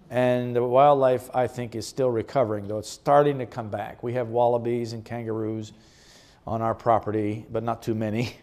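Man, guest speaker, church slide presentation, chatty, relaxed, mid-pitched voice. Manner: chatty and relaxed, with chuckles and frequent ums. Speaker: guest speaker presenting a health retreat ministry. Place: church meeting room.

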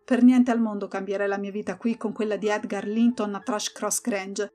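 A woman's voice: mid-range voice, fairly even intonation, moderate pace, dark tone, soft background music. A woman narrating an audiobook, telling a first-person story expressively.

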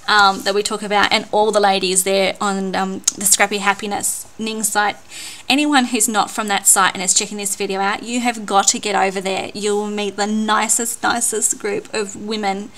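An Australian woman unboxing a craft gift on her vlog, gushing and excitable, often repeating words. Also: mid-range voice. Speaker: craft vlogger. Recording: noisy home recording.

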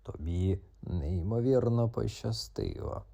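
Low, slow, growling tomcat with a puffed-up noble air , as a man voices him. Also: animated, vocal fry, warm tone, full character voice. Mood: gruff, proud. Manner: growling, slow, drawn-out threats. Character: proud, grumpy tomcat, noble and blustering.

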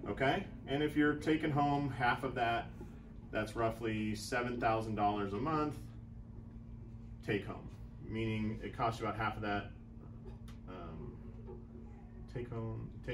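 A chiropractic business coach in his thirties gives a casual whiteboard business lesson in a small room, thinking aloud as he works through sums. He wears a lapel mic, his voice is medium-pitched, and there is slight background noise.

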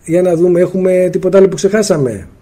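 A man from Greece giving a live seminar as a spiritual teacher, answering viewer questions, addressing listeners as friends and acting out little dialogues with sudden jumps in pitch. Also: dark tone.

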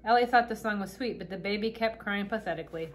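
A woman reads a children's novel aloud at an unhurried pace. Her voice sits in a middle pitch and stays gently expressive. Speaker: storybook reader.

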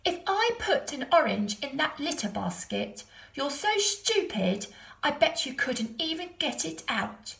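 A woman voicing a clever young boy who taunts in a high, drawn-out voice. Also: very animated, creaky, fairly bright tone, roomy sound, exaggerated voice, poor audio. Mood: teasing.

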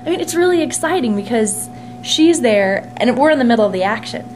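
A young woman in her twenties chatting in a casual interview about her work, upbeat and quick to laugh, recorded close on a handheld camera in a small locker room. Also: a little high. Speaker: interviewee, team sales and marketing staffer. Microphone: camera phone held close at arm's length. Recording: noisy room with steady hum.

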